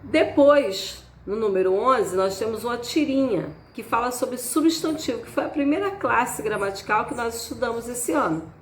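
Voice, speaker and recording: A woman teacher, slowly and patiently walking students through a worksheet item by item. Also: on the high side, a little hiss or hum. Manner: slow, patient, spells out each item. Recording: echoey room, faint background ambience.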